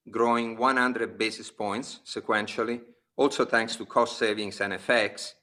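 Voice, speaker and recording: Over a conference call line, a male company executive presents quarterly results on an earnings call, reading prepared remarks. He gives the figures in a measured, steady mid-range voice, pausing briefly between list items.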